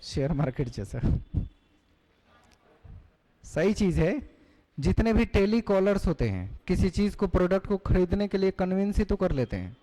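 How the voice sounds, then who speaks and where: A man's voice: high-pitched, very animated, normal speed, pauses often, warm tone. A male teacher giving a classroom lecture, explaining terms and putting questions to the class. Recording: long hall reverb.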